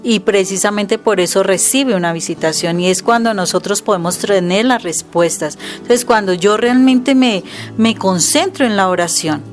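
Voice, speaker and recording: A woman's voice: medium pitch, moderate pace, faint music behind. Earnest woman explaining prayer. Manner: earnest and explanatory, often quoting scripture. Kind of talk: conversational teaching.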